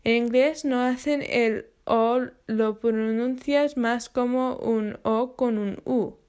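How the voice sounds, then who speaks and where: A woman giving a scripted English pronunciation lesson, spelling out sounds slowly and carefully. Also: on the high side, fairly even intonation, a little mellow, clean tone. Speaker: English teacher.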